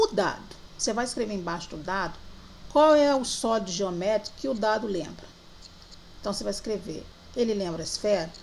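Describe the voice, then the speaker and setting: A woman teacher from Brazil, guiding young children through worksheets in a remote lesson, slowly drawing out syllables and words. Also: medium pitch, gravelly, slight background noise. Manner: slow, drawn-out syllables for children.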